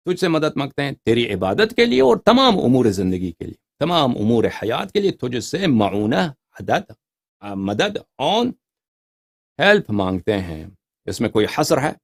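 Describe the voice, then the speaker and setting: Speaking at a medium pitch, this man lectures on religious texts with emphasis, throwing rhetorical questions at his listeners. When quoting passages he slows right down, and he keeps returning to important words.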